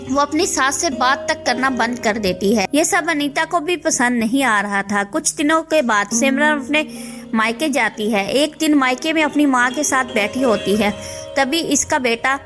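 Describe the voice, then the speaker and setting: A woman reads out a scripted family story in a plain, steady way. Her voice is high, and faint music plays underneath. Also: moderate pace. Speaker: narrator.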